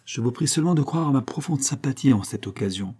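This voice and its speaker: A man reading an audiobook, voicing a grave middle-aged coroner who speaks slowly, solemnly and formally. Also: mid-range voice, animated, warm tone, breathy edge, voice pushed up.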